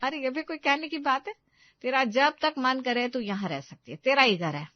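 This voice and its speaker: A bossy middle-aged mother in a cartoon story, played by a woman, stern and quick to scold. The recording is dry and dull. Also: high voice, no echo, voice pushed up, lightly acted.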